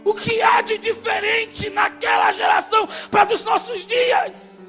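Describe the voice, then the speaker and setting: High-pitched shouting preacher man. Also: steady tone, measured pace, faint music behind, a faint crowd. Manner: swings from shouted climaxes to hushed, quiet telling. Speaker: pastor. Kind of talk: impassioned Pentecostal-style sermon. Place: church before a congregation.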